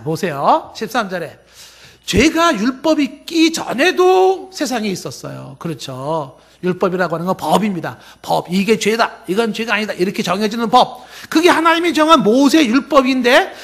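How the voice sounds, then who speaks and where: A male pastor preaching a sermon who acts out quoted people in dialogue and rises to emphatic, near-shouted exhortation. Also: high voice, creaky.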